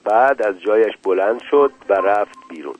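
Low-voiced man narrating a story. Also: expressive. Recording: tinny dry lo-fi radio recording.

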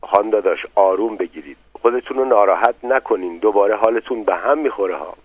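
A man's voice: on the low side, husky, no echo. A man doing an anxious, fussing colonel. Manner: pleading, soothing. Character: anxious middle-aged male colonel, fussing brother. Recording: narrow phone-like dry recording.

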